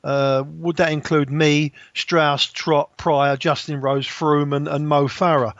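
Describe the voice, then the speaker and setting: Podcast co-host, male, fairly high gravelly voice, halting delivery, dull dry recording. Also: level tone, fairly bright tone, no room sound. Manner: rambling, halting with many restarts. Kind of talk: casual football chat.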